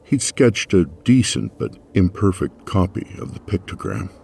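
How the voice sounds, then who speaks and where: A man reading a first-person novel aloud as an audiobook narrator, wry and expressive. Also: sits low, unhurried, vocal fry, a little hiss or hum.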